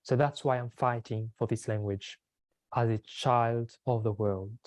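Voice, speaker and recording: Young guy w mauritian accent, creole native, giving an earnest talk, kinda halting, mellow voice, really dry sound. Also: medium pitch, steady tone, no room sound. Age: 20s. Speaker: language advocate and conference speaker. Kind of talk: informal public talk.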